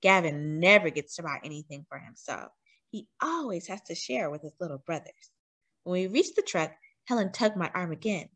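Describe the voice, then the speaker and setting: A teacher reading a picture book aloud to children. She reads expressively, her pitch rising and falling freely through the story. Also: normal speed. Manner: expressive, animated.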